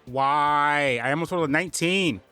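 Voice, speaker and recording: A man playing a tabletop game, talking in a lively, animated way. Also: a little high, moderate pace, clean tone, dry recording, soft background music. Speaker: player.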